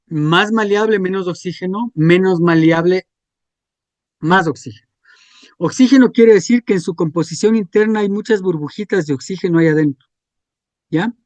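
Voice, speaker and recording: A man's voice: high-pitched, moderate pace, darkish tone, no echo. A man, teaching a class and checking in with students through frequent questions. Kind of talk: classroom lecture.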